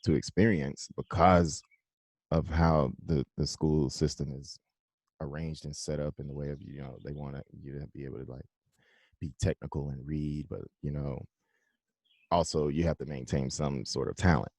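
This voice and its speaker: A young man from South Carolina speaks as a podcast guest, his voice extremely deep and dark. He talks in a loose, rambling way with easy laughs. The sound is dry and close. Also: moderate pace, no echo. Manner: relaxed, laughs often, loose rambling phrasing. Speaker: musician guest. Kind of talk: casual interview conversation.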